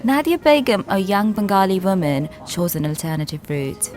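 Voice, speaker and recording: A woman narrating a documentary in a measured, scripted voice-over. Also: mid-range voice, very animated, darkish tone, faint music behind.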